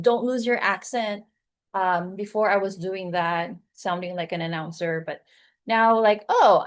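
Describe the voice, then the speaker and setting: Woman, forties, Filipino accent, conversational webinar talk, filler-heavy, mid-pitched voice. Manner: chatty, many fillers, acts out quoted lines. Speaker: content creator giving a talk.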